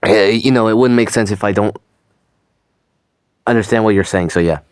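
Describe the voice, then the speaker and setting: A man's voice: lowish voice, moderate pace, clean tone, dry recording, clean studio sound. A young man hosting his own reaction video, chatting casually and rambling, often trailing off with "so yeah". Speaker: channel host reacting to a video.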